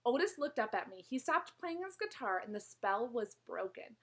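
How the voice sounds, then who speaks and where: A woman reading a children's novel aloud in an expressive, animated storytelling manner, with small slips and corrections. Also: fairly high pitch, moderate pace, low-quality recording. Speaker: reader.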